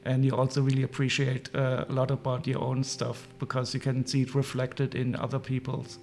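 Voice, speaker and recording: Brief: German-accented male streamer, gravelly and flat, chatty, musing aloud, faint music under. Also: medium pitch, a little fast. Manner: chatty, muses aloud while sorting parts. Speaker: livestream host. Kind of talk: casual livestream chat.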